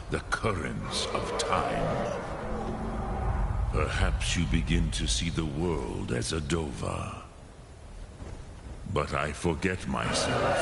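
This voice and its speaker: An actor playing an ancient, wise, melancholy male dragon in a fantasy game, speaking gravely and formally with a deep gravelly voice. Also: heavily acted. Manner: slow, grave, formal, archaic phrasing. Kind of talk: fantasy video game dialogue. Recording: loud rumbling noise behind the voice.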